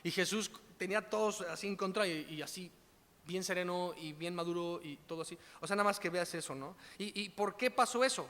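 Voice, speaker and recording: A man's voice: high voice, brisk, fairly bright tone, in a large hall. A man preaching a casual, chatty sermon, full of slang and tag questions. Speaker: pastor.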